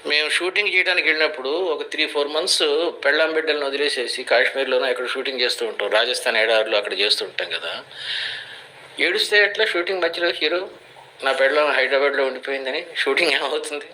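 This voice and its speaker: A man's voice: a little high, fast talker, sharp tone, a little hiss or hum, rough recording. An older man giving motivational advice in an interview, teaching through everyday parables. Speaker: guest speaker, life coach.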